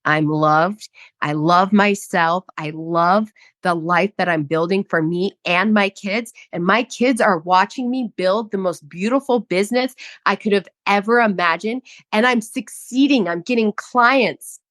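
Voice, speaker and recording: Woman podcast host, candid and animated storyteller, dry close-mic sound. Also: mid-range voice, unhurried, no echo. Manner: animated, candid, swears casually.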